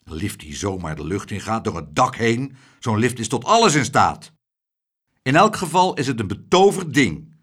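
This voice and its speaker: A man's voice: on the low side, fairly bright tone, husky, exaggerated voice. A man voicing a timid, fretful middle-aged husband in an audiobook, whining and self-pitying.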